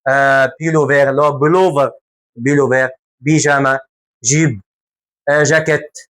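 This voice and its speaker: In a medium-pitched voice, a man with an Egyptian Arabic accent runs a playful, energetic French class. He says words slowly and repeatedly so they stick.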